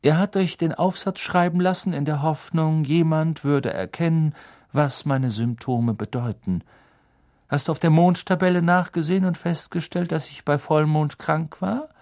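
A man voicing a calm, weary middle-aged teacher in a storybook reading, speaking gently and carefully. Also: a little high, moderate pace, pitched above the performer's own voice, close to an everyday voice.

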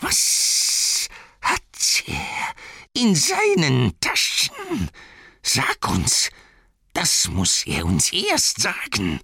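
Gollum, shrieking and gravelly. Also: male voice, on the high side, wildly swooping pitch, pushed and bright, no room sound, clean studio sound, voice pushed up, full character voice. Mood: whining, suspicious. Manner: shrieking, wailing, slow and drawn-out. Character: wretched hissing cave creature, greedy and sly.

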